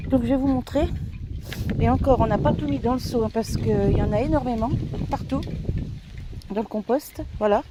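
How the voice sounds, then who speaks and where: A woman's voice: fairly high pitch, moderate pace, pauses often. A woman chatting casually as she shows her garden, slightly out of breath, with a stuffy nose. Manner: chatty, showing viewers around, sniffly. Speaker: gardening vlogger. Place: outdoors in a garden by a greenhouse, windy. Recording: faint wind noise outdoors.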